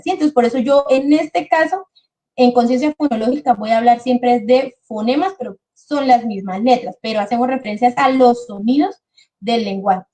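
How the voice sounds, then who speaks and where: Her voice a little high and mellow, the speech therapist addresses parents and teachers in a webinar, calmly explaining and slowing her speech to model words just as she would for children.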